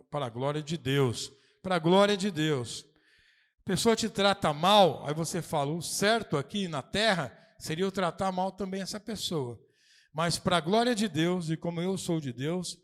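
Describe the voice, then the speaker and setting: Man preaching in a reverberant church. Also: on the high side. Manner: animated preaching with acted-out quotes. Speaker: pastor. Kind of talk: sermon. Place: church sanctuary.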